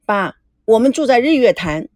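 A woman voicing a young woman TV host who questions her father in a brisk, earnest way. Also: on the high side, big pitch swings, a little mellow, no room sound, clean studio sound.

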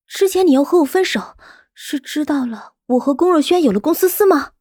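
A man voicing a pouty, coquettish young woman in a high falsetto, questioning and pleading with her lover. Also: lively intonation, brisk, darkish tone, no echo, studio quality. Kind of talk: audiobook character voice.

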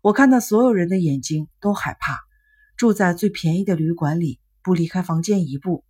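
A woman voicing a troubled, remorseful young man on the phone in a storybook reading, speaking flatly and quietly. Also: lowish voice, fairly quick, breathy edge. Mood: subdued. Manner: flat, subdued speech.

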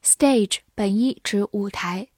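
A woman teaching English vocabulary, spelling words letter by letter and reading example sentences slowly and carefully for learners. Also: medium pitch, a little mellow, dry recording, clean studio sound.

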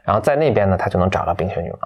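A man's voice: deep voice, lively intonation, rapid-fire. A man quoting a wise, kindly old woman. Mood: reflective.

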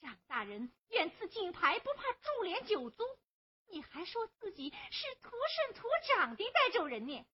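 A woman's voice: very high voice, huge pitch swings, normal speed, heavily acted. A woman playing a young woman pleading for justice in Huangmei opera, earnest and tearful, on a dull lo-fi recording. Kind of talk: Huangmei opera stage acting.

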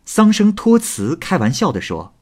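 A man retelling a classical ghost tale in a lively, expressive storytelling style. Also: on the high side, moderate pace.

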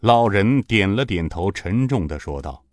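A male narrator tells the story in a fairly low voice that rises and falls freely. He shapes each sentence with expressive, storytelling emphasis. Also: normal speed, no room sound, clean studio sound. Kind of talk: audiobook narration of a martial-arts novel.

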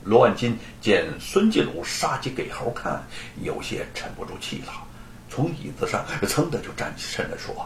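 A man's voice: mid-range voice, big pitch swings, moderate pace, gravelly, slight background noise. A man narrating a historical tale in a traditional storytelling style, with dramatic, vivid phrasing. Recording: echoey room.

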